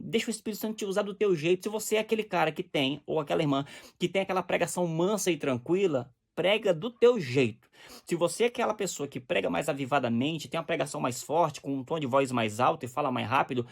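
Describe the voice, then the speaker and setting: A man's voice: on the high side, gravelly. A man preaching in a direct, exhorting teaching style, often checking that the listener understands. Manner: direct, exhorting, often asks "você tá entendendo?".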